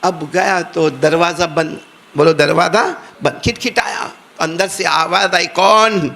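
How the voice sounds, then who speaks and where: A man's voice: fairly high pitch, creaky, a bit bright. A male preacher telling a moving story in an emotional, sing-song sermon style. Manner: impassioned, sing-song delivery with dramatic swings.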